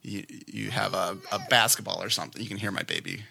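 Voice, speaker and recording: A man talking through exam feedback in a relaxed, chatty way, reaching for simple everyday comparisons to explain things. His voice is bright but set fairly low, with a gravelly texture underneath. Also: quick pace. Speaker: exam practice examiner. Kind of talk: casual teaching and feedback.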